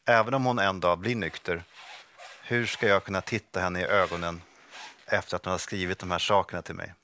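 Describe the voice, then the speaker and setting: Low, bright-voiced man reading his book. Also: fairly even intonation, slight background noise. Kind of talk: reading aloud from a memoir.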